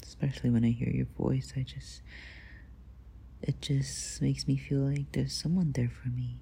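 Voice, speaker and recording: A young woman speaking softly and hesitantly into a close mic, often whispering, in an ASMR girlfriend roleplay. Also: extremely low pitch, flat delivery, normal speed, creaky, husky.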